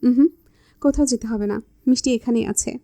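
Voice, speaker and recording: A woman's voice: fairly high pitch, a little fast, vocal fry, warm tone. A woman voicing a teasing, bossy young man in love, with a smug manner.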